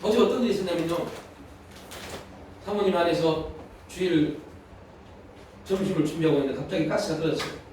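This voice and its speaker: A man's voice: on the high side, fairly quick, long pauses, a little mellow, a little hiss or hum. A man preaching a sermon as pastor, earnestly telling a personal story. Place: church sanctuary. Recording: echoey hall from far off.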